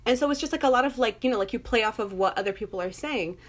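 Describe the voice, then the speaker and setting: A young woman with a Moroccan family background, chatting casually and telling animated personal stories, full of fillers and laughter. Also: fairly high pitch, fast talker. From Moroccan family, grew up in an English-speaking country. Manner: animated storytelling, lots of fillers, laughs often. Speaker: guest. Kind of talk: casual chat.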